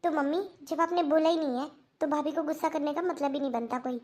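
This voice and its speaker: A woman's voice: sits high, fairly even intonation, quick pace, darkish tone, natural voice. Woman voicing a firm young married daughter. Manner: earnest, lecturing. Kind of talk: Hindi cartoon dubbing.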